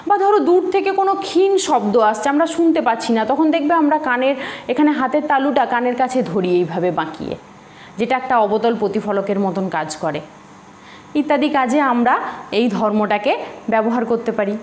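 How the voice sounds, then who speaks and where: A woman's voice: a little high, animated, fairly quick, darkish tone. A woman teaching a physics lesson, explaining patiently and putting questions to her students as she goes. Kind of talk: recorded classroom lecture. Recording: echoey room with faint hiss.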